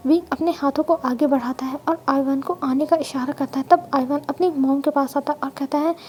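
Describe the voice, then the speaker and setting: A woman's voice: high-pitched, steady tone, a little fast, a little mellow, slight background noise. A woman casually retelling a fanfiction story, chatting to listeners as friends. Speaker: fanfiction narrator.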